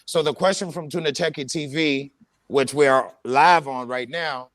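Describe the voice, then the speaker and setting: A man's voice: on the high side, normal speed, a bit bright, no echo. Emphatic man hosting a live panel. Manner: emphatic, preacher-like cadence, repeats phrases. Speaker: host. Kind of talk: live online panel discussion.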